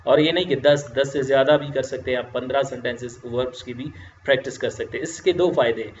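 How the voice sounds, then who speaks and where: A man teaching English grammar in a recorded lecture, explaining slowly and answering his own questions. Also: medium pitch, fairly even intonation, a little hiss or hum. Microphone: voice-over, face not on screen. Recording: roomy, dull lo-fi lecture audio.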